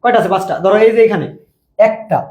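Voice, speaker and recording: High-voiced young Bangladeshi teacher, echoey room. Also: male voice, darkish tone. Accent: Bangladeshi colloquial Bangla. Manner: repeats checks like "do you understand", stretches out example words slowly. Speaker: admission coaching teacher. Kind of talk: casual classroom lecture. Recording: roomy echo.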